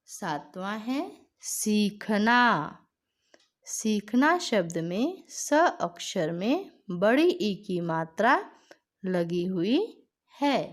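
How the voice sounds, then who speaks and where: A woman teacher giving a patient reading lesson for children, carefully stretching out each example word. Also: mid-range voice.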